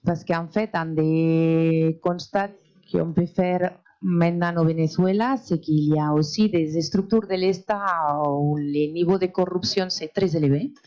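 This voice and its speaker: A woman's voice: on the low side, steady tone, a little slow, mellow, dull audio. A woman who is not a native French speaker, with a foreign accent in French, hesitantly putting a question at a public panel. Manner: hesitant, non-native phrasing. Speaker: audience member asking a question, NGO worker.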